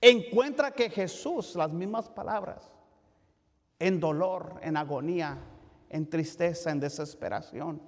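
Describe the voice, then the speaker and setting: A male pastor giving a Bible study sermon. He talks in a halting way, with many fillers and restarts, and keeps asking "¿verdad?". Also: fairly high pitch. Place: church sanctuary. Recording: long church reverb.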